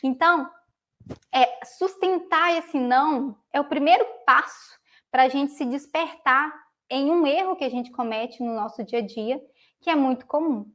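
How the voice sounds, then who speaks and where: A woman with a high voice coaches parents on setting limits. She speaks earnestly, leans on repeated phrases and keeps checking in with listeners through short tag questions. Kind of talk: talking-head advice video.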